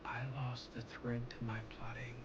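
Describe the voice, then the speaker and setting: A male actor playing a melancholy vampire recounting his past in a TV drama, with measured, brooding, poetic narration. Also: mid-range voice, completely flat delivery, muffled recording, noisy background, lightly acted. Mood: regretful, intimate.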